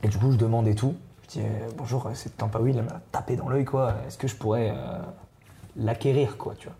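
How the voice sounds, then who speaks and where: A man's voice: mid-range voice, fairly quick, mellow, a little hiss or hum. A young man telling a story in casual, slangy talk, full of fillers and tags. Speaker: player.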